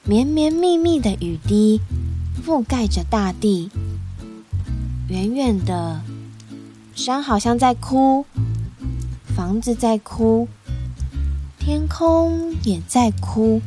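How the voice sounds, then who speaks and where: A woman reading a picture book aloud to children, softly and slowly, with sound-word effects. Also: fairly high pitch, animated, soft background music. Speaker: storyteller.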